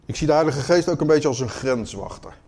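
A man preaching a sermon in an earnest, questioning way, moving between quiet moments and emphatic ones. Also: on the high side, expressive, brisk.

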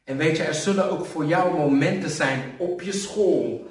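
A man giving a sermon, telling personal stories, building up to loud emphasis and dropping to soft, quiet moments. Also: on the high side, moderate pace. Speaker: preacher. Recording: echoey hall, voice from some distance.

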